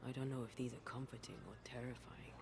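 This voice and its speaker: A man playing a watchful, uneasy ghost hunter in a video game, hushed and brooding, in quiet, distant audio. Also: medium pitch, flat delivery, fast talker, crowd noise, lightly acted.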